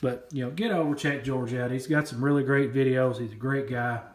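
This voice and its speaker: A coin vlogger with a steady, mid-range voice chats briskly while opening a package, rambling and going back over the same points. The room is echoey.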